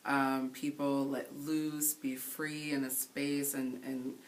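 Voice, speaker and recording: Really deep-voiced woman dj from haiti, thoughtful, kinda far from the mic, bit of hiss. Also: little pitch movement. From Haiti, raised in the Bronx. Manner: thoughtful, earnest, pausing to find words. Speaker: interview guest. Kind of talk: casual interview. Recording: voice somewhat distant from the mic, faint hiss.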